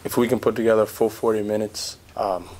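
Young guy at a postgame presser, lowish flat voice, talks steady and even. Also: fast talker. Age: young adult. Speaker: college basketball player. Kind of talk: postgame press conference answers. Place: press conference room in front of a backdrop.

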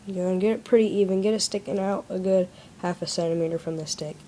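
A woman talking through a hands-on craft project in a plain, instructive way, one step at a time. Her voice sits at a middling pitch and comes through a handheld phone in a small indoor room. A faint hiss of room noise runs underneath. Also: fairly even intonation, fast talker, warm tone. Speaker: craft demonstrator. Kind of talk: casual how-to explanation.

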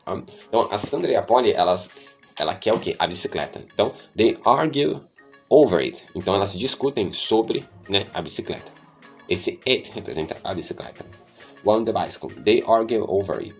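A man teaching an English pronunciation lesson, patiently repeating words slowly and checking in with his students. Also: fairly low pitch, lively intonation, slightly rough, lo-fi sound, faint music behind.

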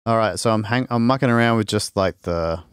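Fielding questions while working, a man casually demos a string sample library on a live stream, rambling loosely and restarting as he goes. He has a smooth, lowish voice, speaks fairly quickly, and there's no echo.

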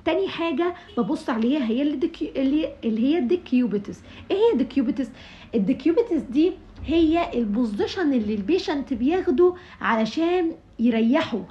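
A woman's voice: sits high, expressive, fast, dull audio. A young woman with an Egyptian Arabic accent explaining a physiotherapy study sheet, mixing English medical terms into her talk with frequent fillers. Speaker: physiotherapy tutor.

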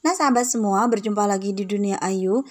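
A woman greeting viewers as channel host in a bright, friendly way. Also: mid-range voice, a little fast.

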